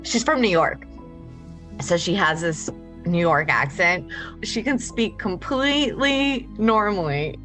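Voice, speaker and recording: A woman interviewed as a close friend, telling animated anecdotes in casual talk. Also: mid-range voice, takes it slowly, soft background music.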